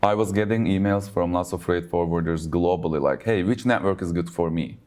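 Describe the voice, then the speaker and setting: Low-voiced Turkish-born man being interviewed. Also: a little fast. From Turkey. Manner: relaxed, uses many fillers like "like" and "basically". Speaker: logistics business owner. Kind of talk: conversational interview. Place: conference event.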